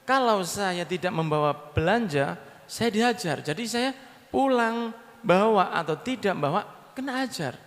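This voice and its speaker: A scared young servant girl, tearful and pleading, voiced by a man preaching with a Javanese accent. The voice sits high, and the long echo of a large mosque hall surrounds it. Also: expressive, measured pace, a bit bright.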